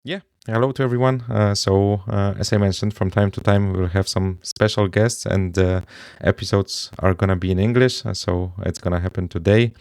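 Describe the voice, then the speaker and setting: A man hosts a podcast interview, talking in a low, gravelly voice. He speaks haltingly, with many fillers. His voice sounds dry and close. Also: steady tone, a little mellow, dry recording. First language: Polish. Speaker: podcast host. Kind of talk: casual interview hosting.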